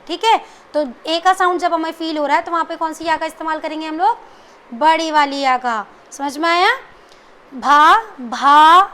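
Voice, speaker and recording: A woman gives a beginner reading lesson. She poses questions to her class and answers them herself. She drills each syllable slowly and patiently. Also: high voice, a bit bright. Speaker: Urdu script teacher.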